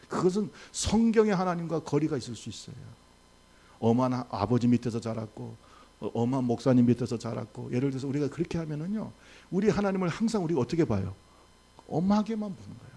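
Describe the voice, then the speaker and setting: A man's voice: mid-range voice, gravelly, warm tone, husky. A male pastor preaching a sermon emphatically and having the congregation repeat after him. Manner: emphatic, leads the congregation in call-and-response. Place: church sanctuary.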